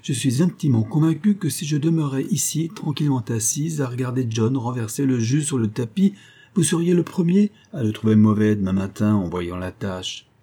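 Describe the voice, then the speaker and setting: A man's voice: medium pitch, lively intonation, normal speed, warm tone, breathy edge, pitched above the performer's own voice. A man voicing a bossy, reproachful middle-aged housewife in a read-aloud story. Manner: nagging and reproachful.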